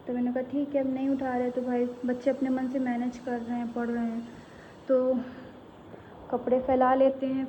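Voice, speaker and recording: A woman in her thirties talking casually to the camera in a home vlog, chatting and gently coaxing her children. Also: on the high side, phone-quality sound, a little hiss or hum. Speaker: vlogger and mother. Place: home, indoors.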